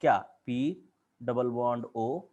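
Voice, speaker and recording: A man's voice: mid-range voice, takes it slowly, darkish tone. A man with an Indian accent teaching chemistry in a classroom lecture, drawing at a board and asking the class question after question.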